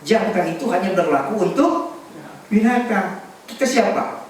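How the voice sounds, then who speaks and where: A man preaching a sermon as pastor, animated and joking, calling for responses from the congregation. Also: sits high, unhurried, slight background noise. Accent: Indonesian. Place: large church hall. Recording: echoey church hall, distant mic.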